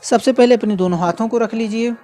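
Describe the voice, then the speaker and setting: Mellow-voiced man teaching step by step. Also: very high voice. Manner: patient, repeats key phrases slowly. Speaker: religious instructor. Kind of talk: instructional demonstration.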